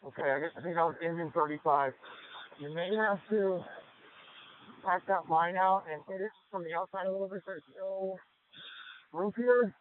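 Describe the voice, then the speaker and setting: An urgent firefighter's radio voice, a man pitched well above the usual. He speaks as incident commander over a muffled, narrow two-way channel, giving orders to crews. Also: moderate pace, long pauses. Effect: two-way radio transmission. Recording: muffled band-limited radio transmission.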